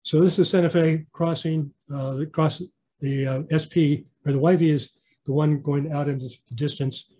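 A man's voice: a little high, steady tone, moderate pace, mellow. A man giving a casual online slideshow clinic about his model railroad, rambling with fillers and restarts. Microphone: video call.

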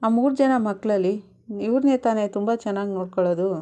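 A woman's voice: mid-range voice, quick pace, warm tone, natural voice. A woman voicing a middle-aged mother who lectures her daughter at length. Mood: lecturing. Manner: lecturing, advising.

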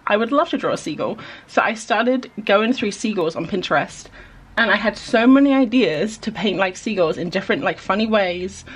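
A young woman talks through viewer questions in a loose, rambling vlog voice-over. Her voice is slightly husky, sitting at an ordinary pitch, and she laughs at herself and fills gaps with "like" as she goes. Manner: rambling, self-deprecating, with frequent "like" fillers. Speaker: illustrator answering viewer questions. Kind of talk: casual chatty vlog voice-over.

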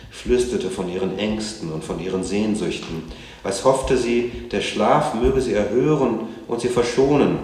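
A man with a very low voice reads a novel aloud at a literary event in a museum. His reading is calm and measured. The sound carries a strong echo from the room. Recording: echoey room.

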